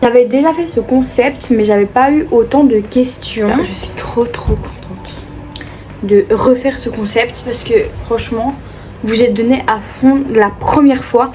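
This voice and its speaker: A woman's voice: a little high, unhurried. Chatty young Belgian woman from Liège. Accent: Belgian French, Liège. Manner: chatty and upbeat, many fillers like euh and du coup. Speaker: vlogger. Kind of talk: casual Q&A chat.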